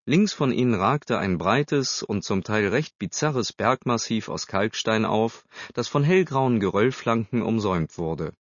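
A low-voiced man narrates a storybook in a steady, measured way. The recording is close, very dry and a little dull in the highs. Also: no echo. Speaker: audiobook narrator. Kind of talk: scripted narration.

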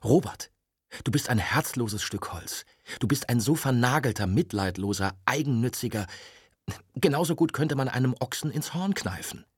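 A man's voice: fairly low pitch, normal speed, breathy edge, dry recording, studio quality. Man reading stubborn young woman reporter. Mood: angry. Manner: insistent, pleading. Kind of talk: audiobook dialogue.

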